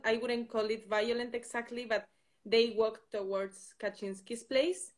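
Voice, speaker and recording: A young woman from the Basque Country speaks as an interview guest, with a Basque accent. She is a non-native speaker who pauses and feels her way through explanations. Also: mid-range voice. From Basque Country, Spain. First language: not English. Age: 20s. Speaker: guest, student and think-tank intern. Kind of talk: live-stream interview answers.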